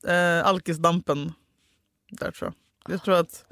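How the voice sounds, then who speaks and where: A woman hosting a podcast, telling a personal story in a lively, casual way, swearing freely and acting out what people said. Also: lowish voice, creaky, no echo, studio quality. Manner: animated, swears freely, acts out quoted dialogue. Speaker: podcast host telling her love story.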